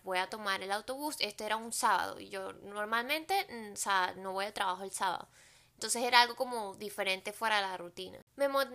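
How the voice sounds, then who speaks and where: A woman telling a personal faith story in a casual, animated way, talking straight to her viewers. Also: a little high. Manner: animated, addresses viewers directly. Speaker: vlogger sharing a faith testimony.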